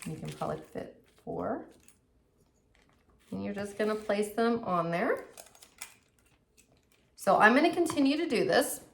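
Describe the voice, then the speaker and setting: A woman's voice: mid-range voice, expressive, a little slow, creaky, pauses often, fairly bright tone, a little hiss or hum. A woman hosting a casual cooking demonstration in a home kitchen, chatty and upbeat as she talks viewers through each step. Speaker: cooking show host.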